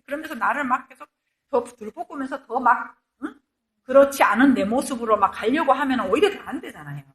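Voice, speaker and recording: A woman's voice: high voice, expressive, fairly quick, a bit bright. A middle-aged woman giving a Bible lecture, conversational, asking rhetorical questions and acting out quoted inner voices.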